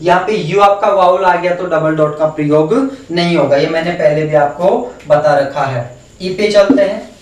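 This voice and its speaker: A man teaching a phonetics lesson in a Hindi accent, slowly repeating words and sounds one by one as he transcribes them. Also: on the high side. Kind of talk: phonetics lesson for exam students. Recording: echoey room, voice from far off the mic.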